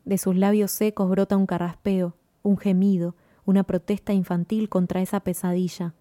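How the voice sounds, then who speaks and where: Warm-voiced woman reading a story. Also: mid-range voice, no room sound. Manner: measured, even reading. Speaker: narrator. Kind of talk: scripted story narration.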